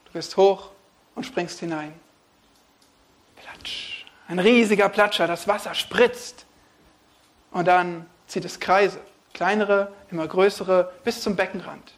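A man preaching a sermon on a Bible passage, swinging between hushed, quiet phrases and emphatic, raised ones. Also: sits high.

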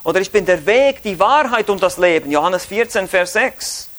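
A Swiss German man teaching from the Bible in sermon style. His voice sits high for a man, and he stresses points emphatically, rising then dropping low. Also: lively intonation, moderate pace, a bit bright. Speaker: preacher.

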